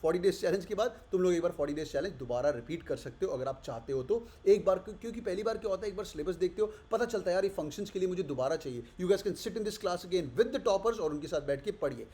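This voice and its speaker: A young adult man who teaches an exam course and is pitching it with energy, switching quickly between languages and voicing his students' questions. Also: dark tone. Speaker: CAT coaching teacher.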